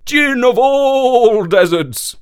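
Storybook horse, male, hardworking and indignant, complaining in a high, slow, stretched-out voice, played by a man. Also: expressive, clean tone, full character voice.

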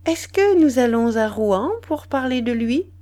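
A woman voicing a clever, composed young wife who teases her husband, her voice lighter and a little higher than the narration, in a slow storybook reading. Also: lively intonation, mellow. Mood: teasing.

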